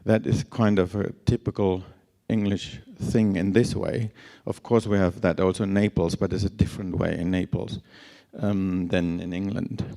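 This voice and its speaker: A man's voice: low voice, level tone, moderate pace, hardly any pauses, warm tone. A man giving a conference lecture, his voice scratchy from long travel, speaking hesitantly with many fillers and restarts. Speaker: lecturer on instrument certification. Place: lecture hall.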